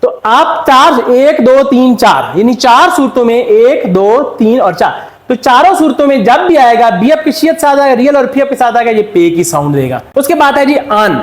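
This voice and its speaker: Man, Pakistani Urdu accent, step-by-step lesson, drops pitch at ends of points, echoey room. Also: expressive, normal speed. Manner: explains step by step, asks and answers own questions. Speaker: Korean language teacher. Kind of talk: classroom-style lesson.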